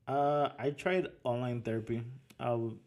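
A man's voice: medium pitch, fairly even intonation, normal speed, a little mellow. A man co-hosting a podcast in casual chat, talking hesitantly with lots of fillers and restarts.

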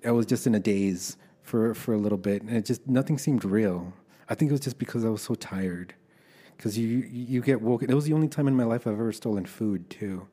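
Here the middle-aged army veteran from Los Angeles, United States, talks candidly about his own life as an interview guest, in a conversational American-accented manner. His voice is warm and on the low side, and he speaks fairly quickly.

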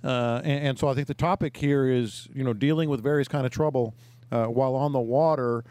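Man, host, casual talk, hesitant with fillers, medium pitch, dry recording. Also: steady tone, fairly quick, a little mellow, no room sound.

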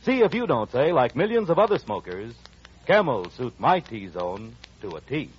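In a muffled 1940s radio broadcast, a man makes a formal, emphatic announcement in that era's polished style. His mid-range voice swings widely in pitch at a normal speed, and music plays in the background.

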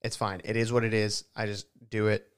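A man's voice: fairly low pitch, level tone, brisk, clear, resonant tone. A young man co-hosting a podcast, chatting casually and easygoingly about his work. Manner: easygoing, quotes shouting photographers in loud raised voice. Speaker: podcast co-host. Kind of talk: casual chat.

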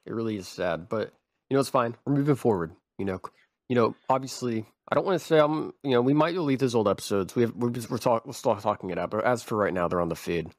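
A man hosting a podcast, rambling and halting in mock-serious grief. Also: mid-range voice, animated, no echo, studio quality. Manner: rambling, halting, feigned grief breaking into laughter. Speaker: podcast host.

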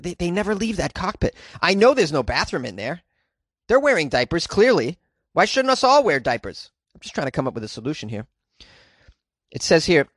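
A man hosting a comedy podcast from inside a closet, riffing in an animated, caffeinated, goofy way and repeating phrases for effect. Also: a little high, no room sound, studio quality. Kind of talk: comedic news commentary and rambling monologue.

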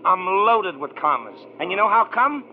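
An actor playing a dim-witted, cheerful cab driver with folksy, ungrammatical, slow-witted talk in 1940s radio comedy. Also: male voice, high-pitched, very animated. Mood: dim, earnest. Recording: noisy, dull old radio recording.

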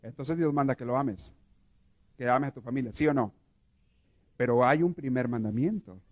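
A man's voice: mid-range voice, normal speed, muffled recording. A man, a priest, teaching a prayer course to a live group, telling stories and asking his listeners questions. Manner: animated storytelling, asks the audience questions.

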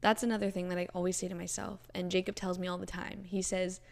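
Earnest rambling young woman podcaster, slightly gravelly. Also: on the low side, little pitch movement, fast talker. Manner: earnest, rambling, heavy use of "like" and "you know". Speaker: podcast host. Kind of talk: casual solo podcast monologue.

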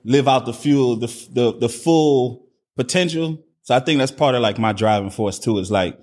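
A young adult man from Miami, a podcast guest telling his backstory in relaxed conversation, often tagging his sentences with "right?". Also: medium pitch, moderate pace. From Miami, Florida. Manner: laid-back, peppers speech with "right?". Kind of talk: casual conversation.

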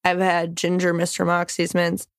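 Sick, gravelly-voiced woman rambling. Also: fairly low pitch, monotone, normal speed, dry recording, studio quality. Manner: rambling, laid-back, stoned. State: sick, rough voice. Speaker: podcast co-host. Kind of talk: casual chat.

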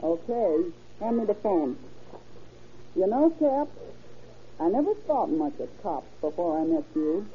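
A woman's voice: fairly low pitch, big pitch swings, measured pace, long pauses. An actress playing a sassy, defiant, slangy woman crook in a 1930s radio crime drama. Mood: flippant. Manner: tough, slangy, brassy. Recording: muffled, noisy old radio recording.

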